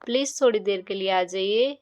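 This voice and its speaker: A woman's voice: medium pitch, moderate pace, clear, resonant tone, lightly acted. A woman voicing a caring father who earnestly pleads for his little son. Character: caring father, grown man. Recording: dull lo-fi recording.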